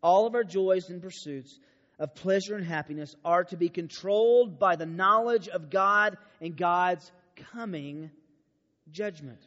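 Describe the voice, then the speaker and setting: A man preaching a sermon at a youth camp, animated and storytelling, moving from hushed to emphatic. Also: high-pitched, a little slow. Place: large church auditorium. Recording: dull sound with long hall reverb.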